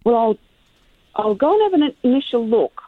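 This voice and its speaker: A woman's voice: on the high side, sing-song, normal speed, no echo. A woman calling in over the phone, asking hesitant, polite questions and restarting her sentences. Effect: heard over the phone. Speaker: caller. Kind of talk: casual radio call-in chat. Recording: narrow phone line, dry.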